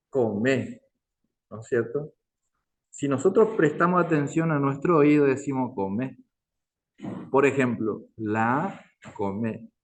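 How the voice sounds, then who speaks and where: A man's voice: mid-range voice, darkish tone. A man teaching a language class online, patient and repetitive, constantly checking in with his listeners. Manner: slow, patient, repeats words and asks "¿no es cierto?".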